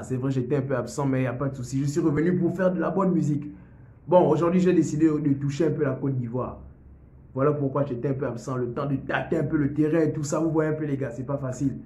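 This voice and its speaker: A man's voice: a little high, warm tone. Chatty young man in an echoey room. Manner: chatty, joking, addresses viewers as "les gars". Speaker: music youtuber. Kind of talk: casual vlog chat. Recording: roomy echo.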